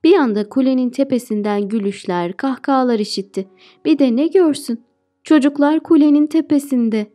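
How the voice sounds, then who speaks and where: A woman teacher narrating a folk tale audiobook in a steady, clear reading voice. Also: high-pitched, normal speed, soft background music. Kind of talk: storybook narration.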